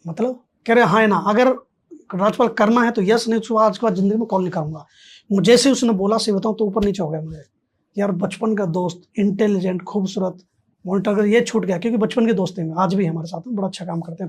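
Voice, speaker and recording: A man's voice: high-pitched, breathy edge. A man, a podcast guest, telling a story in casual conversation and acting out both sides of the dialogue.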